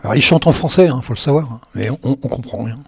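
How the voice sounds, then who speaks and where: A tech blogger with a mid-range, creaky, slightly rough voice talks very fast with lively intonation over a screen recording. The audio is clean studio sound with no room echo. His commentary is loose, rambling, and slangy, full of repeated words and self-mocking jokes.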